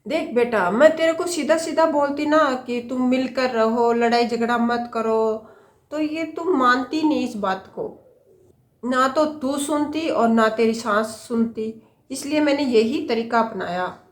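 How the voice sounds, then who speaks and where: A woman's voice: a little high, unhurried, roomy sound, lightly acted. A woman playing a wise, lecturing mother. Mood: advising. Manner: lecturing, patient, instructive. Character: wise middle-aged mother giving her daughter advice.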